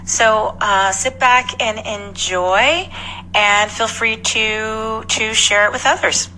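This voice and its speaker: Bright-voiced woman hosting a podcast, unhurried. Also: on the high side, steady tone, poor audio. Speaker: podcast host. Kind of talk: casual podcast introduction. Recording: faint background hum and noise.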